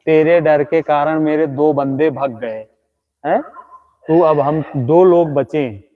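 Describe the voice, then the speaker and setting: A man's voice: fairly high pitch, slow pace, narrow, tinny audio. A man hosting a comedy live stream outdoors at night, teasing and chatting with a ghost he claims stands in front of him. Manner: teasing, talks directly to an unseen ghost.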